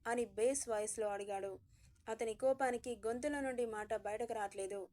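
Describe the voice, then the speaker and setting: A woman narrating a romantic audio story in a smooth, even reading. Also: on the high side, fairly quick.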